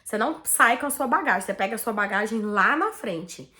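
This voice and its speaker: A woman's voice: a little high, a little fast. A Brazilian woman vlogger with a Brazilian Portuguese accent, chatting casually and animatedly as she tells her viewers a personal story. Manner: chatty, animated, peppered with "tipo assim" and "né".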